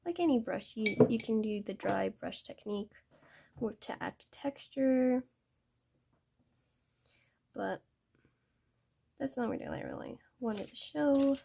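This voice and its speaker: A young woman explaining paintbrushes in a painting tutorial, hesitant and halting, often correcting herself. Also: a little high, lively intonation, creaky, warm tone, a little hiss or hum. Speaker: art tutor.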